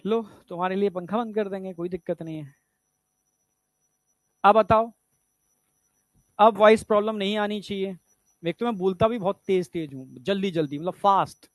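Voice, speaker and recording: A man's voice: high voice, moderate pace, long pauses, dry recording, studio quality. A man teaching a biology exam-prep lecture in a chatty way, often checking whether students follow. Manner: chatty, repeats "theek hai" often, asks students if they follow. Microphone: lapel mic.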